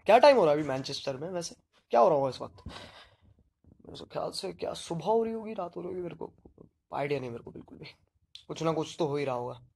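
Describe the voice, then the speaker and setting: A man's voice: fairly high pitch, animated, fast talker, creaky, darkish tone, breathy edge. A young man with a slight Punjabi accent, chatting casually and joking with viewers as he answers their comments on a live stream. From Delhi region, India. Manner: playful, joking banter.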